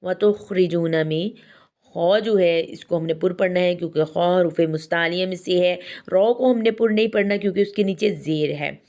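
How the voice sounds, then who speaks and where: A woman teaching Quran recitation rules in a patient, methodical way. She explains step by step and slowly models each pronunciation. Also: on the low side, fairly even intonation, a little mellow.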